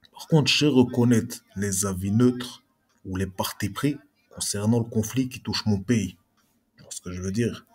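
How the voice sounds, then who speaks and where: A man's voice: lowish voice, a little mellow, slightly rough. A man giving an argumentative reply monologue to a video blogger, speaking combatively and straight at his critic. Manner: combative, addresses critic directly.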